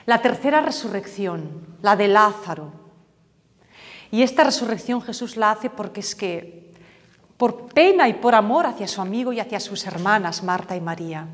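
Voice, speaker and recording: A woman teaching a Bible class, telling gospel stories vividly and acting out the voices in the quotes. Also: mid-range voice. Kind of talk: storytelling Bible lesson. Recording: long reverb, hall-like echo.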